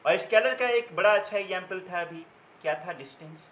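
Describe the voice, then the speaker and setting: A man's voice: high voice, fairly quick, a bit bright, reverberant, poor audio. A man teaching a physics class, repeating key terms and quizzing his students, switching between Hindi and English terms. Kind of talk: classroom lecture.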